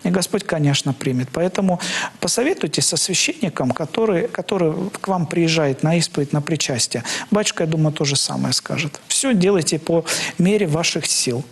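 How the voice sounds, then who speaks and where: Higher-voiced priest giving gentle advice. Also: male voice, animated, brisk, breathy edge. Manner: gentle, advising, frequent hesitations. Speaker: Orthodox priest. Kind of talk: pastoral advice on air.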